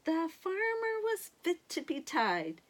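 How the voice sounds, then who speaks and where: Sweet older woman reading stories, unhurried and lively. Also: very high voice. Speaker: grandmother reading picture books to children. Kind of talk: animated read-aloud storytelling with asides to young listeners.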